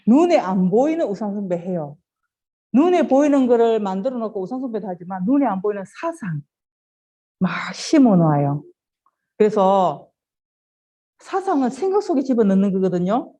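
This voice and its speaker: A woman giving an animated children's sermon, telling stories, asking the children questions and acting out quoted lines. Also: mid-range voice, moderate pace. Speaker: children's ministry preacher.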